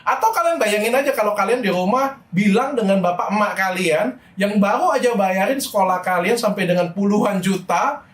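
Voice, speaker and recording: Animated man in an echoey room. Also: moderate pace. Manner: animated, frustrated, shifts pitch when quoting people. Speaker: vlogger telling his side of a story. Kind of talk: casual personal monologue.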